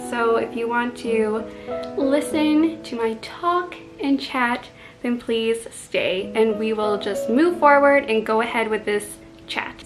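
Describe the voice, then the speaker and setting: A woman's voice: a little high, poor audio. A woman with a Canadian accent, chatting casually to camera as a book vlogger, self-deprecating and full of "like".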